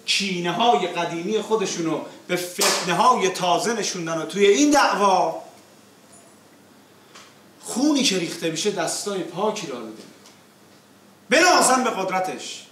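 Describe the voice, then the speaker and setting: Male storyteller for epic teahouse naqqali: high, declamatory, theatrical delivery, heard at a distance in an echoing space. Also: animated, a bit bright, a little hiss or hum. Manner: theatrical, declamatory, chanting verse in drawn-out tones. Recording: echoey room, far from the mic.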